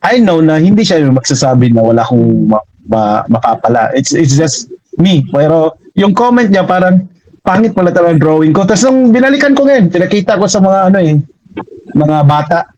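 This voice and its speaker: Filipino man, comic-artist guest, lively raconteur, voice sitting a touch high. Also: a little fast, no room sound, highs cut off. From Mindanao, Philippines. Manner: animated, lively storyteller. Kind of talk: casual storytelling.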